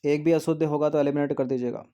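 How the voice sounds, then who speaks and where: A man's voice: fairly high pitch, fairly even intonation, quick pace, warm tone, highs cut off. A man teaching an exam practice test, explaining each answer and repeating words as he checks the options.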